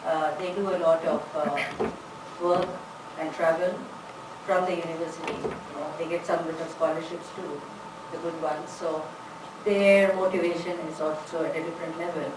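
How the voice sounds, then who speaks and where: In a large conference room, a woman speaks about language teaching, sounding chatty and saying "you know" often. She's an English teacher with a low-pitched, fairly even voice at normal speed, recorded from a distant mic in an echoey hall with background noise.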